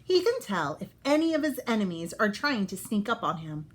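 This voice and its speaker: A woman with a medium-pitched voice reads a children's book aloud like a storyteller. She is expressive and stops now and then to explain things to young listeners.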